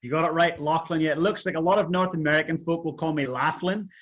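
A man's voice: on the high side, steady tone, fast talker, highs cut off. A man with a Northern Irish accent, a guest coach on a podcast, chatting in an upbeat, affable way over a video call. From Northern Ireland. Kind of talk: casual interview chat.

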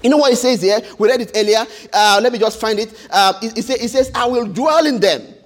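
A man's voice: very high-pitched, brisk. A man preaching a sermon in an emphatic, repetitive way, often restarting his words.

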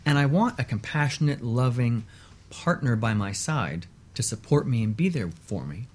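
On a radio talk show, a man appears as an expert guest and explains things in a measured, emphatic way, repeating points to stress them. His voice is mid-range and expressive.

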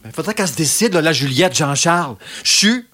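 A woman's voice: low voice, animated, brisk, fairly bright tone. A woman voicing a blunt, clueless male amateur actor with a Quebec French accent, grumbling about his lines.

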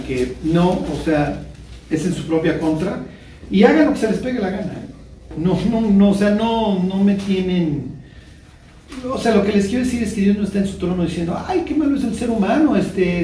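A man's voice: high-pitched, dark tone. Mexican man teaching a Bible class, roomy sound. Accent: Mexican Spanish. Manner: conversational, checks understanding with rhetorical questions; colloquial and joking. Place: room with a small group. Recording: roomy, distant mic with faint noise.

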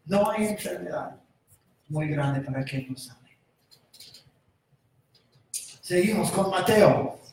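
High-voiced preacher, booming and echoey. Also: male voice, animated, slow, long pauses, a little hiss or hum. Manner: swings from quiet musing to loud shouting. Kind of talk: sermon. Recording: roomy echo from far off.

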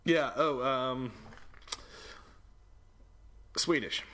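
A man hosting a comedy podcast, relaxed and joking as he prompts his co-host. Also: medium pitch, very slow. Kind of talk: casual comedy banter.

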